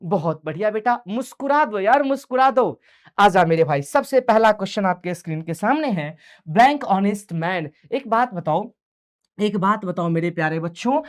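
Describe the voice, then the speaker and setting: A man's voice: high-pitched, animated. Chatty coaxing male grammar teacher. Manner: mixes English grammar terms into fast conversational explanation. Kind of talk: online exam-prep class lecture.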